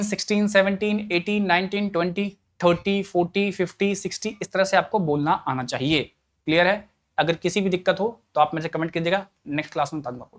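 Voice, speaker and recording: A male teacher runs a spoken-English class, asking his students one quick question after another. His voice sits a little high for a man, and his casual, joking manner keeps the lesson light. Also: a bit bright. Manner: drills students with repeated questions like "yes or no?"; joking and colloquial.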